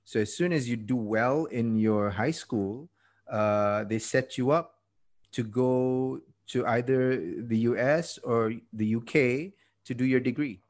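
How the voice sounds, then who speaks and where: Here a Malaysian man in his fifties, known as a TED speaker, talks as a podcast guest in an unhurried, mid-range voice with a darkish tone. His storytelling is casual, often drifting off mid-thought as he laughs at himself.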